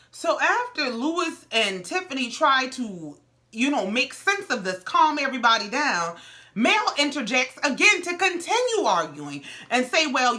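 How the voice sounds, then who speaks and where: A woman's voice: fairly high pitch, pushed and bright. A young woman recapping a reality show in casual commentary, sassy and blunt.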